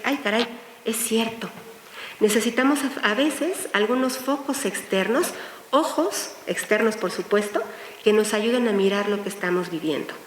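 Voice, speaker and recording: A woman speaking at a women's forum, addressing a live audience and guiding them through a visualization exercise. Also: fairly high pitch. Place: hall with an audience. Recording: echoey hall, far from the mic, faint hiss.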